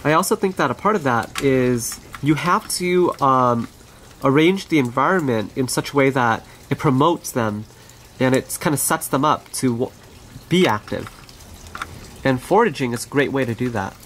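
A pet bird owner and channel host gently narrating pet footage in a casual, conversational way, recorded on the camera mic in an outdoor aviary. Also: mid-range voice, animated, moderate pace, a little hiss or hum.

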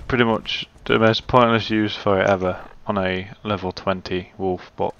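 Man, casual let's play commentary, gravelly fry, muttering to himself, muffled lo-fi recording. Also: fairly low pitch, steady tone, moderate pace, fairly bright tone. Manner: chatty, swears, mutters to himself.

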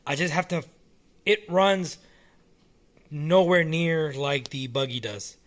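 A man casually talking through a hobby model car while filming it one-handed at home, relaxed and rambling with frequent restarts. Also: on the high side, takes it slowly. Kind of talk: casual off-the-cuff vlog. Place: small indoor room at home.

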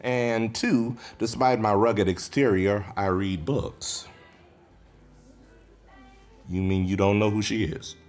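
An actor playing a crude, teasing bar regular who tells dirty jokes. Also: male voice, fairly low pitch, steady tone, takes it slowly, pauses often, a little mellow, soft background music. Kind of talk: film dialogue.

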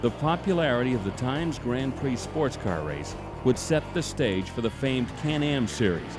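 A man giving scripted documentary narration in a measured, formal storytelling manner. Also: mid-range voice, expressive. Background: guitar music.

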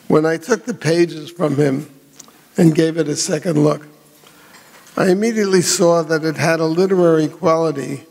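Older man, gravelly and fairly high, measured memorial speech with hall reverb. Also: a little mellow. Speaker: memorial speaker. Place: hotel ballroom.

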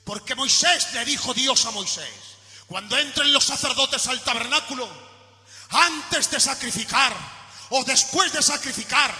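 A man from Spain preaching a sermon in a church, shouting at his peaks and dropping low in between. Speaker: pastor. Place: church hall. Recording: echoey church hall recording with faint music.

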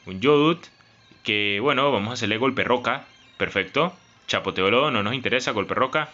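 A man's voice: mid-range voice, moderate pace, pushed and bright. A young man giving dramatic, emotional Let's Play commentary, pleading and lamenting over his game. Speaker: gaming YouTuber. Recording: slightly dull recording with game music behind.

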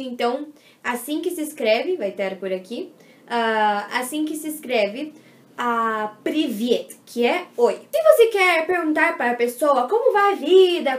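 A woman hosting a playful tutorial vlog, bubbly and slowing right down to sound out foreign words. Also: sits high. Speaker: vlogger teaching words. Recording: echoey room.

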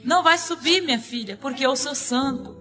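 A woman quoting a solemn, stern male divine voice, speaking slowly and gravely. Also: high-pitched, pushed and bright, faint music behind. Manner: slow, grave, final.

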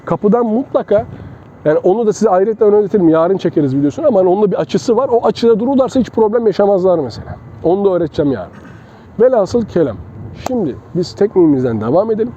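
A man's voice: sits high, lively intonation, quick pace, warm tone. A man, a self-defense instructor talking casually to his students while he demonstrates moves with a partner. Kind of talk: casual outdoor training demonstration. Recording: dull lo-fi outdoor sound with faint traffic.

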